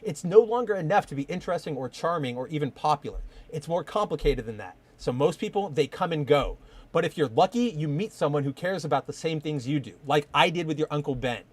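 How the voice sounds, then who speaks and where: A man's voice: fairly high pitch, animated, fairly quick, slightly rough. A man reading aloud the lines of a reflective older male newspaper editor from a comic, in his own plain voice.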